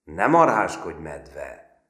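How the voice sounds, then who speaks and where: A man voicing a calm, quick-witted teenage boy cadet in a storybook reading, speaking in a level, unhurried tone. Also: deep voice, roomy sound.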